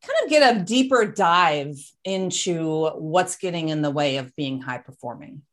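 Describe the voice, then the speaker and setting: A woman's voice: sits low, lively intonation, measured pace. A woman guest on an interview show, explaining her coaching and consulting firm in a polished, organized way. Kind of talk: conversational interview answers.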